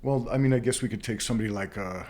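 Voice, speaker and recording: A man's voice: on the low side, racing, darkish tone. A man talking as a massage therapist being interviewed, explaining things casually through examples and anecdotes.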